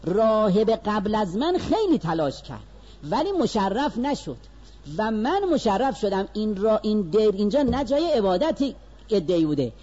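Animated male preacher, high lively voice. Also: lo-fi sound. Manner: animated, swings between slow stressed phrases and quick asides. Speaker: religious lecturer. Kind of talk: storytelling religious lecture.

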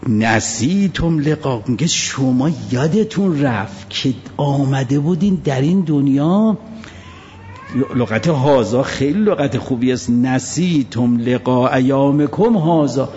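A man preaching a sermon, telling stories in a lively way with sudden changes of tone and pace. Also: medium pitch. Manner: lively storytelling with shifts of tone and pace. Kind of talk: religious sermon. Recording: long-reverb hall, dull lo-fi sound, faint noise.

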